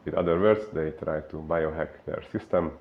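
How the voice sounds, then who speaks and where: A Hungarian fitness coach with a Hungarian accent gives an unhurried explainer talk peppered with filler pauses. He has a bass voice and a steady tone, and the sound is lo-fi.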